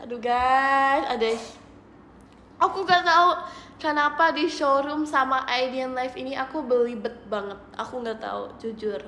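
High, bright, giggly young woman streaming. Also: unhurried, reverberant, slight background noise. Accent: Indonesian. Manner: giggly, bubbly, often laughing and singsong. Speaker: idol livestream host. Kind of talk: casual livestream chat.

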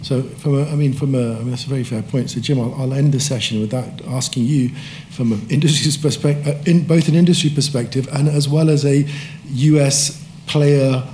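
A man's voice: medium pitch, a little mellow, reverberant, a little hiss or hum. A man moderating a panel discussion from a lectern, conversational with frequent fillers. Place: conference auditorium, standing at a lectern. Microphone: lectern microphone.

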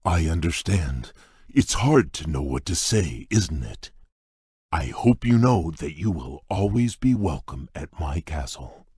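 A man voicing a large, gentle, shy male beast prince in a video game, speaking in a gentle, halting and formal way with a very deep, husky voice. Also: sing-song, no echo, studio quality, full character voice.

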